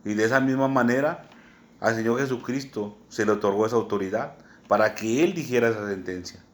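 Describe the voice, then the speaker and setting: A man with a Mexican accent preaching a sermon, teaching slowly and often checking in with "¿verdad?". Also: medium pitch. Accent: Mexican Spanish. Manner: unhurried teaching tone, many "¿verdad?" asides, spells words out.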